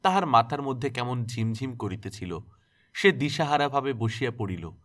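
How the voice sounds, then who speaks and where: Male narrator, classic novel audiobook, expressive dramatic reading, lively intonation. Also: medium pitch, normal speed. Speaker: story narrator.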